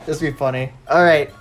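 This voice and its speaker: A man hosting a co-op game let's play in casual chat, laughing often and wrapping up the episode. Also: fairly high pitch.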